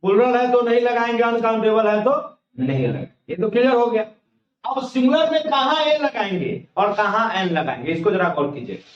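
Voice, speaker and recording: A man's voice: very high voice, animated, brisk. A male grammar teacher giving a colloquial classroom lecture, explaining step by step and asking and answering his own questions. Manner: folksy, colloquial teaching style. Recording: echoey, distant, dull lo-fi classroom recording.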